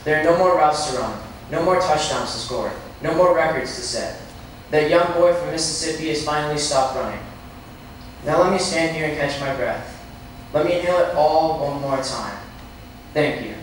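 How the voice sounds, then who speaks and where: A man delivering a memorized speech as a declamation, with an earnest, steady delivery. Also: fairly high pitch, moderate pace, a little hiss or hum. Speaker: student giving a declamation. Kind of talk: recited speech. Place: classroom or school hall. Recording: echoey room, distant mic.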